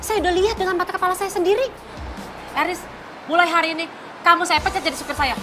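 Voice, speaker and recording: A cold, wealthy middle-aged mother who gives commands. She speaks quickly and firmly in a high voice. Music sits clearly in the background. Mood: stern. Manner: firm, commanding. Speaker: boyfriend's mother, employer.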